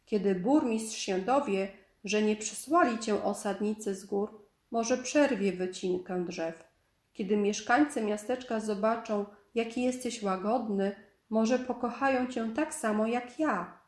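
A woman voicing a brave, gentle young girl in a storybook, speaking earnestly and pleadingly. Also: mid-range voice, unhurried, natural voice. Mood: hopeful. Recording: echoey room.

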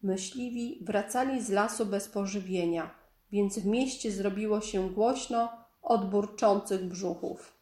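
The storybook narrator, a woman, reads aloud to children in a steady, calm, measured storytelling style. Her pitch is medium, and the space she records in is echoey.

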